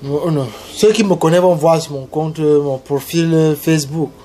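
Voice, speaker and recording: A man delivering a casual, emphatic advice monologue, repeating his points and jumping up in pitch when he urges his listeners on. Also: fairly quick, warm tone, faint music behind. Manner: emphatic and repetitive, preachy. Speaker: vlogger giving love advice.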